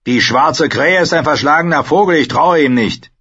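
A man voicing a menacing male wildling chief in bone armor in an audiobook, speaking slowly, harshly and threateningly. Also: fairly high pitch, fairly bright tone, breathy edge, highs cut off, pitched above the performer's own voice.

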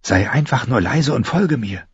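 A man's voice: medium pitch, animated, normal speed, husky, no echo, lo-fi sound, pitched above the performer's own voice. A man reading an audiobook, voicing a fierce, stubborn young girl who gives orders sharply. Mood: hushed urgent.

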